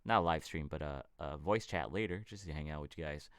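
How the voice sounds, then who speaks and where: A man from California hosting a casual fitness livestream Q&A, answering viewer questions in a relaxed, rambling way. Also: rumbling low, a little fast, clear, resonant tone, no echo, studio quality. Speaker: fitness channel host.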